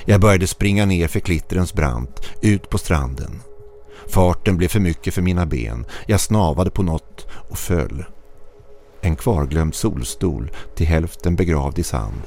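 A man's voice: low-pitched, warm tone. A man narrating a first-person horror story in short, tense, clipped phrases.

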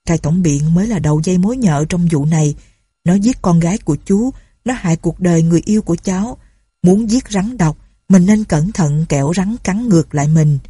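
A woman reading a story aloud in a steady, low-key way. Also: brisk, breathy edge, no room sound, clean studio sound. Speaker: narrator. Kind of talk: storybook narration.

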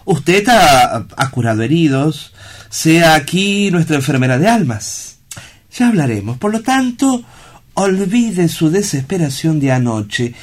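In an audio drama, a man with a slightly high voice and big pitch swings plays a kindly, paternal sanatorium director. He speaks formally and courteously in measured phrases, aiming to reassure.

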